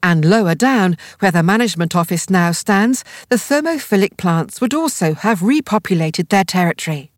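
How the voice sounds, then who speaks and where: A woman reading scripted nature documentary narration as an audio guide, in a measured, explanatory way. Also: fairly low pitch, animated, no echo, studio quality. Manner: measured, explanatory read delivery.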